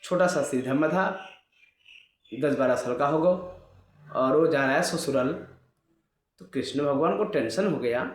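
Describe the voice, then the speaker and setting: A man telling a devotional story as a sermon, lively and acting out every character himself. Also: fairly high pitch, unhurried, long pauses. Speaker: religious storyteller. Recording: echoey room.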